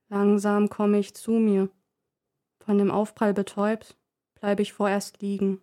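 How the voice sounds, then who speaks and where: A woman reading a first-person story aloud in a calm, measured way. Her pitch stays in a middle range, steady and unhurried. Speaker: narrator.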